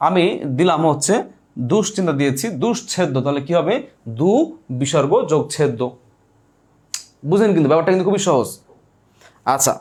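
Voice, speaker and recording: A male grammar teacher giving an online exam-prep lesson, who repeats key points and keeps asking his listeners quick check questions. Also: fairly high pitch, darkish tone.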